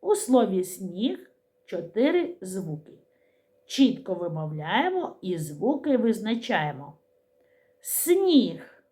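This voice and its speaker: Middle-aged woman teacher, unhurried and carefully articulated, talking to young children. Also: medium pitch, big pitch swings, warm tone. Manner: slow, clearly articulated, sing-song speech to small children. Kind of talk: preschool literacy lesson.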